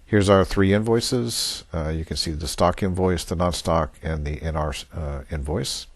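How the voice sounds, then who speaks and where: On a screen recording, a male demonstrator works through software step by step in a methodical, unscripted, matter-of-fact way. He has a low voice and talks a little slowly, with no room sound in the audio.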